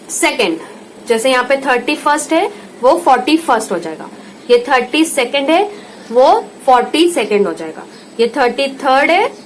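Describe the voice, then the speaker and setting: An Indian woman tutor giving a home lesson, slowly repeating each word and checking in with her listener. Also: high-pitched, a little hiss or hum, low-quality recording. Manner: slow patient repetition, checks in with "theek hai".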